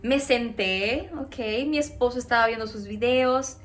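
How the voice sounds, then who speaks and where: A woman with a Mexican accent, casually telling viewers a personal story in a chatty, animated way, often checking in with them. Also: fairly high pitch, unhurried. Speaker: vlogger.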